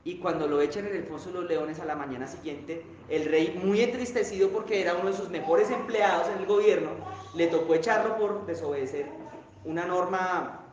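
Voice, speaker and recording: A male pastor preaching a sermon, telling a story with dramatic rises and drops in pitch and loudness, recorded in a church hall. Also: fairly quick, lo-fi sound. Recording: very echoey church hall with faint noise.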